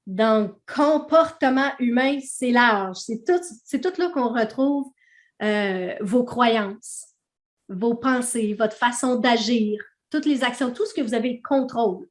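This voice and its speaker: A woman trainer with a Québécois accent explains ideas to a group in a relaxed, conversational way. Her voice sits a little high, and she keeps checking in with the listeners. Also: slow, roomy sound. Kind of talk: teaching a training session.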